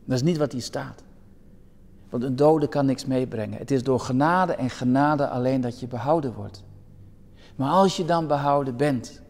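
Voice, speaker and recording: A man's voice: mid-range voice, darkish tone. A man preaching a sermon from the Netherlands in an earnest, pastoral way, sometimes restarting his words. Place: church hall. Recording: long church reverb.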